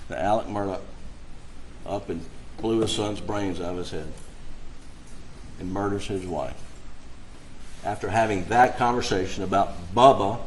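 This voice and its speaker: A man delivering an emphatic, impassioned closing argument to a jury, halting and repeating phrases to drive points home. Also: on the low side, a little hiss or hum, low-quality recording. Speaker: defense attorney. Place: courtroom.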